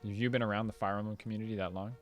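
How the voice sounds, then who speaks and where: A man's voice: fairly low pitch, steady tone, very fast, soft background music. Chatty male game streamer. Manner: chatty, rambling. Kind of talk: casual live-stream commentary.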